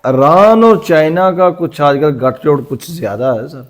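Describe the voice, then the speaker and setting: A man's voice: fairly high pitch, lively intonation. Male interview host, Pakistani Urdu accent, deferential and agreeable. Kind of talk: interview and show sign-off.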